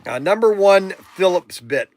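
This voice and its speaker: A man's voice: high-pitched, animated, a little slow, a little mellow, no echo. A man in his sixties hosting a casual livestream, rambling and joking with viewers as he reads out their comments. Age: 60s. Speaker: livestream auction host.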